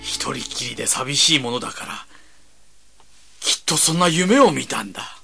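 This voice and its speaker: An actor playing a humble, devout old cobbler who muses aloud to himself in a radio drama. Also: male voice, medium pitch, animated, normal speed, creaky, pushed and bright, faint music behind, full character voice. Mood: forlorn.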